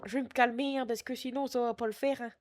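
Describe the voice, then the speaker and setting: A man's voice: very high voice, fairly even intonation, fast talker, soft background music. A man voicing a foul-mouthed, scatterbrained 60-year-old female shop clerk with a put-on Picard and Norman patois accent, sniffling and rambling to chat from his computer. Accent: put-on Picard and Norman patois mix. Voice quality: sniffly, rambling, swears a lot. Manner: chatty, flustered, self-mocking asides to chat. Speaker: streamer doing roleplay. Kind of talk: live-streamed game roleplay. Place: at home at a computer.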